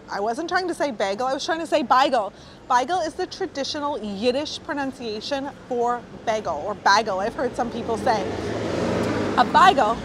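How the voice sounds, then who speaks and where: Woman, food tour guide, chatty, enthusiastic, street noise clearly audible. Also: a little high. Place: outdoors and inside small food shops. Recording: noisy street background.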